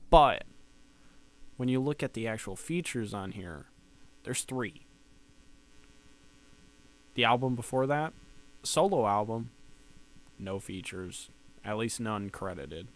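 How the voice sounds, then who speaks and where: A man casually reviewing rap albums, sleepy and yawning late at night, rambling with many ums on a close mic. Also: medium pitch. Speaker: music reviewer. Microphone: close mic that can peak.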